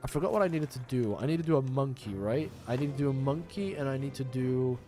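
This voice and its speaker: A gamer livestreams and chats casually as he plays, swearing and bantering informally. His mid-range voice is dark in tone and quick, with faint music in the background.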